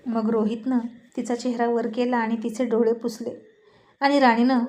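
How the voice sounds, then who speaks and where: A woman narrating a family story with steady, expressive storytelling. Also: a little high, normal speed.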